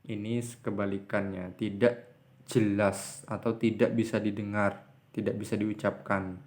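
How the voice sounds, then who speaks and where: Slow-spoken male language teacher. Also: fairly low pitch, little pitch movement, darkish tone. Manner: slow drawn-out model readings between quick explanations. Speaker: Arabic teacher. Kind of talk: classroom lesson, reading words aloud.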